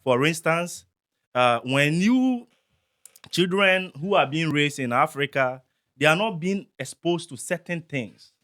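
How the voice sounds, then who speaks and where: A man from Ghana, a parent and guest, explaining calmly with examples in a discussion. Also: on the high side, unhurried.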